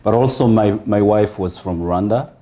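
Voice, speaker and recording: A man from Congo talks as a guest in a relaxed interview, his voice low and mellow. He takes his time and often pauses on fillers before going on. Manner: measured, with frequent pauses and fillers. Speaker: interview guest, foundation founder. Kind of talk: casual interview talk.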